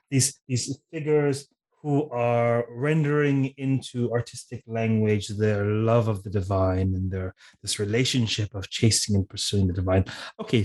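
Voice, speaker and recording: A man's voice: medium pitch, darkish tone. A man hosting an academic interview, asking long, searching questions full of fillers and restarts. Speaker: interview host.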